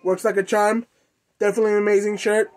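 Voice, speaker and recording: A young man with an American accent talks to the camera in a casual unboxing style. His delivery is informal and slangy, moving along in halting phrases. He sounds like he is indoors, a short distance from the camera. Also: sits high, level tone, soft background music. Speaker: host of a clothing collecting channel. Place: indoors in a room at home.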